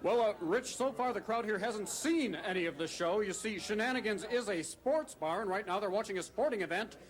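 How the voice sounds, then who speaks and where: An actor playing a stiff, reluctant TV field reporter who hesitates and speaks in formal reporter phrases. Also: male voice, high voice, a little fast, natural voice. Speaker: comic reporter character.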